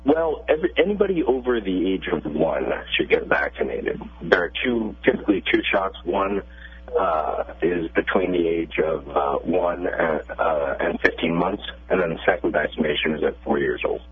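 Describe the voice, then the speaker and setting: A pediatrician, a man, calmly explaining medical questions as a guest on a radio interview, heard over a phone line. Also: low voice, normal speed, husky.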